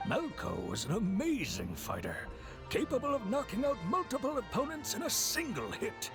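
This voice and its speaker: Creaky old game villager, solemn, swoops way up and down, music behind. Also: male voice, very high voice, wildly swooping pitch, heavily acted. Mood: somber recounting. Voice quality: gravelly, creaky. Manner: measured, solemn recounting. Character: gravelly old male villager, somber storyteller. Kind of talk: video game voice acting.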